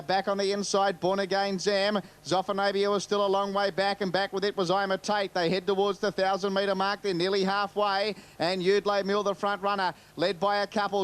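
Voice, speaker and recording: A man's voice: high voice, fairly bright tone, clear, resonant tone. A man with an Australian accent giving live horse racing commentary.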